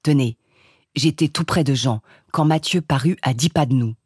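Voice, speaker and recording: A woman voicing a tall, stooped, consumptive Corsican man who drawls slowly in a monotone and coughs often, in an audiobook reading. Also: very deep voice, slightly rough, no echo, clean studio sound, heavily acted.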